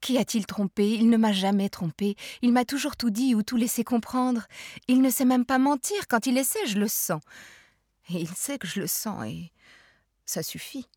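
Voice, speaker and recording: Woman reading a soft patient mom in a storybook, goes all whispery, dry close sound. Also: a little high, normal speed, dry recording, voice pushed up, natural voice. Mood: surprised. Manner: soft, hushed, dropping to whispers. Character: gentle patient mother soothing her child.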